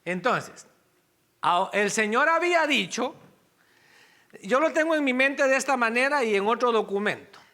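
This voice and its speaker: A man's voice: very high-pitched, expressive, normal speed, long pauses, bright, forceful tone. A male pastor preaching a Sunday sermon in a conversational way, with asides and self-corrections.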